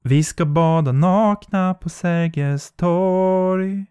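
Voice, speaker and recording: A man putting on an eerie, drawn-out ghostly singing voice. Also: sits high, a little mellow, clean tone, no room sound, studio quality, voice pushed up, lightly acted.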